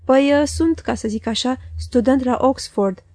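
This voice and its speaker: A woman voicing a self-assured young gentleman student who talks with easy, teasing condescension. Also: high-pitched, no echo, studio quality. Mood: cheerful, breezy.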